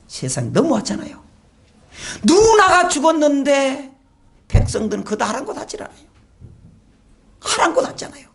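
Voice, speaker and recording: Lively woman pastor with gravelly edges. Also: high-pitched, moderate pace, long pauses. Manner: animated storytelling with rhetorical questions. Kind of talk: sermon.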